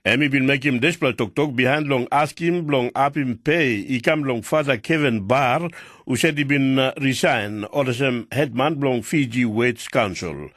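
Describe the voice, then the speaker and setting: A man's voice: mid-range voice, moderate pace, fairly bright tone, no room sound, clean studio sound. A man with a Papua New Guinean accent reads scripted radio news in pidgin.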